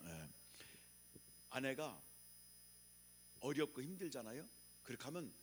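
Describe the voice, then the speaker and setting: A man's voice: fairly low pitch, a bit bright, a little hiss or hum. A male pastor from preaching a revival sermon, calling on the congregation to repeat after him and answer back. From Chungcheong, Korea.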